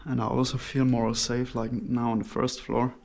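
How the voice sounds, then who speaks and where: Man talking through a face mask, gravelly creak. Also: medium pitch, completely flat delivery, moderate pace, a little mellow, faint music behind. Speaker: solo urban explorer vlogger. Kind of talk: casual exploration commentary to camera. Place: inside an abandoned hotel's rooms.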